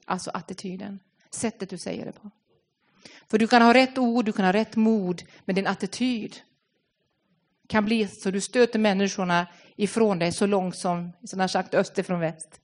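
A woman's voice: medium pitch, fairly even intonation. A woman preaching a sermon, earnest and personal, often repeating words as she searches for the next phrase.

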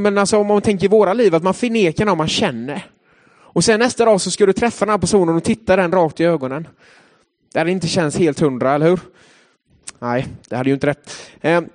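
A young man leads a devotional in a loose storytelling way, his voice sitting a little higher than most men's. He drifts between story and reflection with plenty of hesitant filler sounds, keeping it casual and chatty. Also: darkish tone. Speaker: youth leader giving a devotional talk.

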